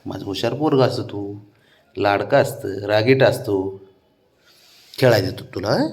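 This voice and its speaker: A man's voice: fairly low pitch, measured pace, vocal fry, darkish tone. A man talking to his pet cat, coaxing and cajoling it in affectionate baby talk. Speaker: cat owner.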